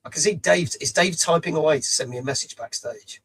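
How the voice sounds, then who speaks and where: Here a middle-aged man runs a live stream out of a small home studio. His rough, raised voice is a little high and fairly bright, his pace a little fast, and he loosely chats, swears casually and reads out messages from viewers.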